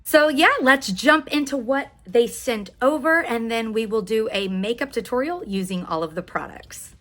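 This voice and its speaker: An American beauty vlogger from Oklahoma chats casually through a makeup tutorial, gushing and repeating words for emphasis. Her voice is a little high, expressive, and fairly bright, at normal speed, with faint music in the background and no echo.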